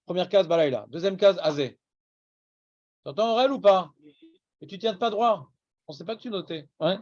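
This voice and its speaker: A man with an Iranian accent teaching a Talmud lesson to a class, brisk and teasing, scolding students. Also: sits high, expressive, darkish tone, dry recording, lo-fi sound.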